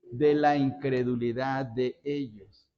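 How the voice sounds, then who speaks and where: A man's voice: medium pitch, fairly even intonation, slow pace, dark tone, muffled recording. A man preaching a sermon as pastor, telling stories with big dramatic rises and drops in his voice. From Mexico.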